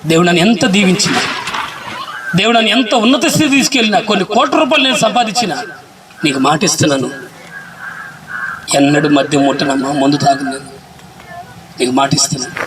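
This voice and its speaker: A man's voice: a little high, fairly quick, long pauses, lightly acted. A man voicing a grown son who solemnly keeps a vow to his mother, in a sermon story. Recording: distant mic, noisy hall.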